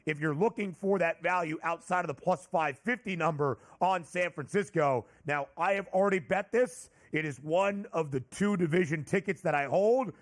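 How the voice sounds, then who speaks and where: A man hosting a sports betting show, briskly walking through odds and team records and leading the questions to his co-host. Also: fairly high pitch. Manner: brisk, numbers-heavy analysis, leading the questions. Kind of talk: sports betting analysis chat.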